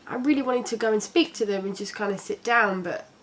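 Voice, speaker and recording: Young woman, casual travel vlog, chatty, candid, mid-pitched voice. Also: brisk, a bit bright. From London. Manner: chatty and candid, with frequent restarts. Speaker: travel vlogger.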